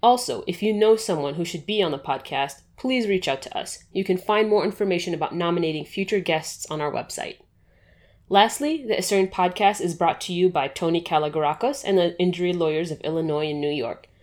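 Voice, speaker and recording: A woman's voice: lowish voice, a little fast, darkish tone. A woman hosting a podcast who reads a formal scripted introduction, then asks her guest questions. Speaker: podcast host.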